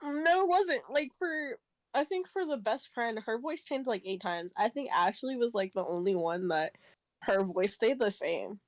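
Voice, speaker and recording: A woman's voice: a little high, expressive, normal speed, dry recording. A woman chatting casually about a game she voiced characters in, laid-back and laughing easily. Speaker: co-player and voice actor in the playthrough. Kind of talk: casual chat.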